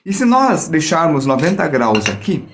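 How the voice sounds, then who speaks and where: There's a sing-song quality to this slightly high male voice, delivered at normal speed over faint background noise. He guides viewers through drawing reflections in a live online lesson, demonstrating with a mirror and playfully joking as he explains each step.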